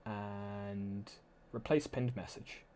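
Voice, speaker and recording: A man's voice: on the low side, steady tone, very slow, warm tone, slight background noise. Chatty male streamer thinking aloud. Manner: chatty, thinks aloud while explaining his setup. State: voice slightly worn from talking. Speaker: live streamer. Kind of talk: casual live-stream chat.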